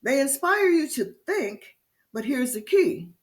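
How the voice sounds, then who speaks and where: A woman giving a prepared lecture-style talk to a discussion group, speaking slowly and with emphasis. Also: high-pitched, sing-song. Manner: slow, deliberate and emphatic. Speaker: speaker leading a discussion series.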